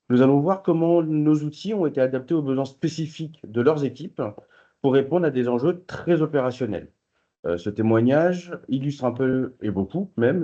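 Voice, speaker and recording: A man's voice: mid-range voice, dark tone. A man hosting and moderating a presentation, introducing speakers and putting questions to them. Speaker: event host and moderator. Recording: dull, lo-fi audio.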